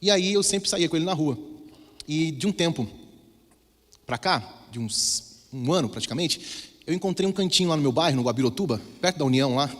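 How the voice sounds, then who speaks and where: A man's voice: a little high, lively intonation, a little fast. A Brazilian man with a Brazilian Portuguese accent, preaching a sermon in a conversational, storytelling way. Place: large church hall. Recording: reverberant church hall.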